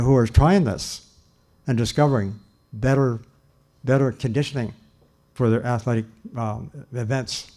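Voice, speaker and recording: A man's voice: medium pitch, warm tone. An older man giving a public lecture in a church, earnest and emphatic, repeating his key points and restarting sentences. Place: church hall.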